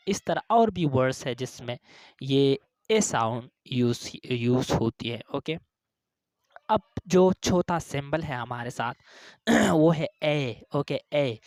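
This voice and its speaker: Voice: medium pitch, no echo, clean studio sound. Teacher who repeats "okay" constantly. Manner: tags nearly every phrase with "okay" and slow drawn-out fillers; repeats each example sound and word several times. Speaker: English teacher. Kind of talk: explaining phonetic symbols.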